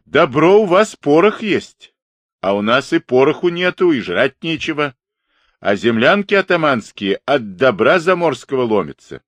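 A man's voice: medium pitch, big pitch swings, normal speed, fairly bright tone, no echo, pitched above the performer's own voice. A man voicing a big, pockmarked, rebellious Cossack who rants with grievance. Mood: aggrieved. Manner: ranting, aggrieved.

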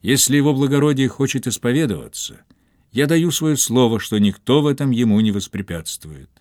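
A man voicing an old soldier and commander who speaks gravely and persuasively. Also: mid-range voice, lively intonation, a little fast, darkish tone, dry recording, studio quality, pitched above the performer's own voice, lightly acted. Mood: firm.

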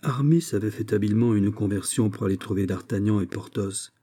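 A man narrating a classic novel as an audiobook, in a measured and steady way. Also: fairly low pitch.

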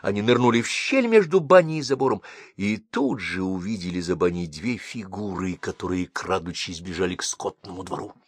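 A man narrates a comic story in an expressive, animated way, his pitch rising and falling freely. The recording is dry and close, like a studio audiobook. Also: moderate pace, breathy edge, no room sound. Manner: lively, expressive reading.

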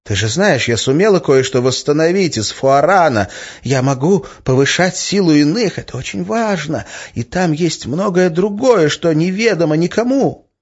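A man voicing a shrill, desperate female witch who shrieks and pleads, in an audiobook reading. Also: big pitch swings, moderate pace, darkish tone, slightly rough, lo-fi sound, exaggerated voice. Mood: coaxing. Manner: shrieking, high-strung.

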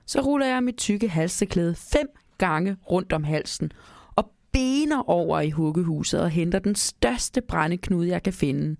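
Woman with a gravelly low voice. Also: lively intonation, darkish tone, dry recording, studio quality. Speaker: storyteller and co-host. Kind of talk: storybook reading and casual chat.

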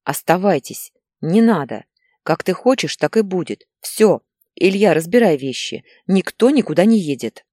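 A woman reading the part of an angry, exhausted husband and father who shouts harshly. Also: lowish voice, animated, normal speed, no echo, studio quality, voice pushed up. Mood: weary giving in.

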